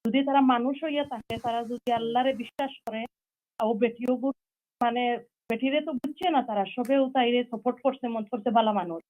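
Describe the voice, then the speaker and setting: This is a woman calling in to a live show over the phone, speaking. Her voice sits somewhat high. She rambles with heat, often breaking off and restarting her sentences. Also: fast, a little mellow, low-quality recording. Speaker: caller to a live call-in show. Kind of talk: impassioned call-in opinion.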